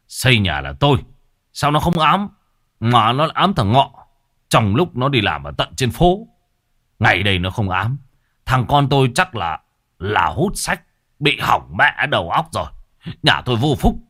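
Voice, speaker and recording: A man voicing a hot-tempered older village father who scolds and shouts angrily. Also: mid-range voice, very animated, measured pace, pauses often, full character voice. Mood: scornful.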